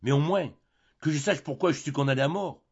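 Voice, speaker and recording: A man's voice: on the high side, brisk, a little mellow, slightly rough, lo-fi sound, voice pushed up. A man voicing a desperate male prisoner who speaks in an earnest, pleading way.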